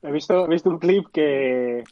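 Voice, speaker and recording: A man's voice: fairly high pitch, moderate pace, dry recording. Teasing man on a dull mic. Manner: relaxed, repeats himself, teasing. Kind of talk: casual chat.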